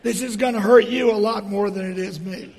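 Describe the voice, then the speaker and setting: A middle-aged or older man giving a sermon in a hoarse stage whisper, his voice almost gone, speaking deliberately with pauses between phrases. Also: sits high, fairly even intonation, darkish tone. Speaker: preacher. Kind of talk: sermon with storytelling and dry humour. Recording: reverberant hall.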